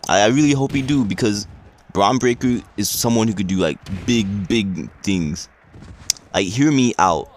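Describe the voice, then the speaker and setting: A man vlogging in a rambling, excitable rant full of swearing. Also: fairly low pitch, moderate pace, slight background noise. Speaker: wrestling vlogger. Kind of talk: casual vlog rant.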